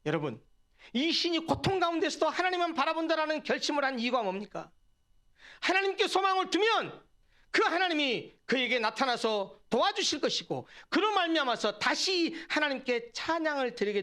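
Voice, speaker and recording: A man's voice: very high voice, very animated, brisk, bright, forceful tone. A man preaching a sermon as pastor in a church, talking earnestly and putting rhetorical questions to his congregation. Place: church sanctuary.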